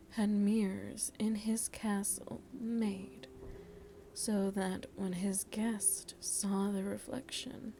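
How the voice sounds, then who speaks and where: A woman voices a worldly, philosophical vampire, seductive and motherly, who teases the listener gently and addresses them with tenderness in an intimate ASMR roleplay. She speaks slowly and deliberately in a mellow, breathy voice of narrow, even pitch, often dropping to a murmur or whisper, over a slight hiss or hum.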